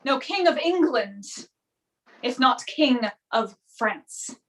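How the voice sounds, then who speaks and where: Woman playing a high-voiced, commanding warrior king. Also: expressive, fairly bright tone, heavily acted, poor audio. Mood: resolute. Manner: declamatory, measured. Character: stern, commanding young warrior king passing judgment. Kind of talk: Shakespearean stage acting.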